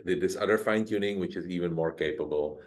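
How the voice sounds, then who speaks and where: A man co-hosting a casual technical discussion, relaxed, asking his partner questions and moving the talk along. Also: low voice, fast. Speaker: co-host guiding the discussion.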